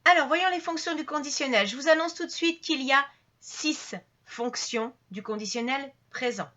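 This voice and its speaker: A woman's voice: high voice, sharp tone, dull audio. A woman teaching a French grammar lesson to her channel's viewers, explaining patiently step by step with frequent fillers and restarts.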